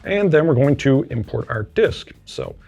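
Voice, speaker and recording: A man walks through a screen-share tech tutorial in an easygoing, self-deprecating way, thinking aloud as he clicks through menus. His voice sits at an ordinary middle pitch. Faint music plays under him. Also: very animated, moderate pace, gravelly, darkish tone. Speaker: homelab tutorial presenter. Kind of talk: casual screen-share walkthrough.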